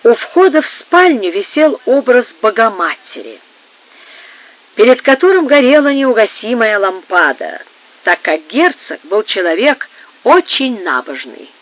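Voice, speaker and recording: An audiobook narrator giving a measured, even reading of a historical novel. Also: medium pitch. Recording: phone-like narrow band.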